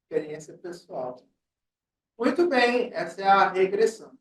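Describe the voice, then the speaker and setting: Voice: medium pitch, expressive, unhurried. A teacher lecturing a psychoanalysis class, explaining with questions and everyday examples. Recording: roomy class audio from far off.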